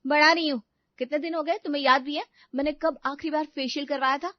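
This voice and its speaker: A woman voicing an overworked young wife in an animated family story, complaining and sarcastic. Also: sits high, quick pace, dry recording, lightly acted. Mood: indignant. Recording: dry, slightly dull studio recording.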